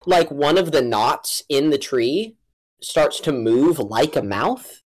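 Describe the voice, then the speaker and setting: A woman's voice: deep voice, lively intonation, a little mellow. Conversational woman running a tabletop game. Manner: halting, conversational, thinks aloud. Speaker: game master. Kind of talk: casual tabletop game narration.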